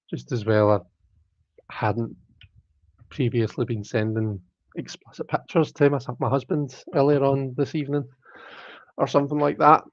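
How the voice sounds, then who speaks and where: A man's voice: mid-range voice, steady tone, moderate pace, pauses often, no room sound. A man chats loosely and jokes at his own expense while hosting a live tarot stream. His voice sits mid-range and sounds dry and close, with a dull, lo-fi stream quality. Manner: chatty, self-mocking, reads out viewer comments. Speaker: tarot reader and livestream host. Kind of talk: casual live-stream chat.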